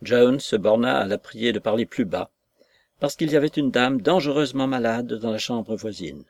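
A man narrating a classic novel aloud in a measured storytelling manner. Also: mid-range voice, animated, darkish tone, dry recording. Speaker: audiobook reader. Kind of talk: scripted narration.

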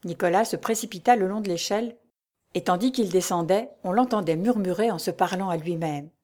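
A woman narrating a historical adventure novel aloud in a measured, even storytelling voice. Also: fairly low pitch. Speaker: audiobook reader. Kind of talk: scripted narration.

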